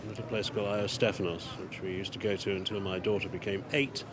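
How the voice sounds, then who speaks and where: A man talking about holidays in a relaxed, measured way in a street interview. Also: low voice, a crowd in the background. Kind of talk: casual chat.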